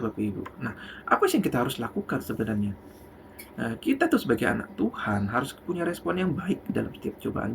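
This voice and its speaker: Lively, conversational Indonesian preacher. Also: medium pitch, slight background noise. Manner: conversational, repetitive, wandering between story and lesson. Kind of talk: sermon with a storytelling illustration.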